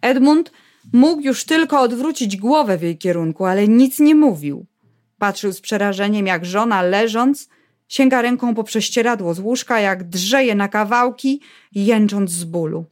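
A woman reading a novel aloud in a steady, measured storytelling voice. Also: mid-range voice. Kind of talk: audiobook narration.

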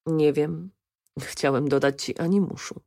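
A woman narrator lends her voice to a weary young engineer with a dry, sardonic edge. He speaks low and unhurried, close and dry to the mic, in a storybook reading. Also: fairly even intonation, gravelly, dark tone, dry recording, exaggerated voice. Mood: wry.

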